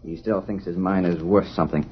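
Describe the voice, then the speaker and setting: An actor playing a slick, blustering Eastern mining swindler, the villain of an old-time radio western. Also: male voice, low voice, fairly even intonation, fairly quick, husky, soft background music. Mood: frustrated. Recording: dull, noisy vintage radio recording.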